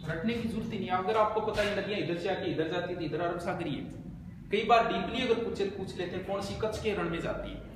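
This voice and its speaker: A man giving a brisk exam coaching lesson, explaining memory tricks and repeating the key points. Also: high voice. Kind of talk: quick spoken geography lesson with memory tricks. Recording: very echoey, noisy room.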